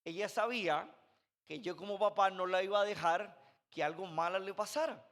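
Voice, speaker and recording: Man, 30s, high-pitched, conversational storytelling preacher. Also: moderate pace, a bit bright. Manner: conversational storytelling with sound effects. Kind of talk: sermon. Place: church. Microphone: handheld microphone.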